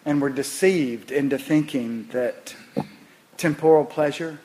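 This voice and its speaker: A middle-aged male pastor preaching a sermon, impassioned, repeating phrases and swinging from soft, low words to loud, rising ones. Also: a little slow, poor audio.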